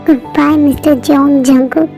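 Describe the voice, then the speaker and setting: A woman voicing a heartbroken young wife in an amateur fan dub drama, talking slowly and emotionally. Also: sits high, fairly even intonation. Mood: hurt, defiant. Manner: pleading, emotional, slow. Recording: muffled lo-fi audio with soft music.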